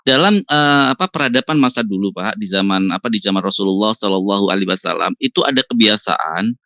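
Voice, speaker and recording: A man explaining his view in an online voice room. His forceful voice is recorded dry and close. He speaks in a measured, explanatory way and keeps addressing the listeners courteously. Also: fairly low pitch, no room sound. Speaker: debater. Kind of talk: online religious debate.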